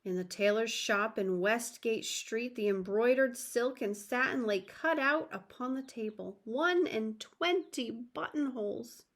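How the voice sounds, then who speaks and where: A woman narrating a children's story aloud in a gentle, expressive manner. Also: on the high side, measured pace, few pauses.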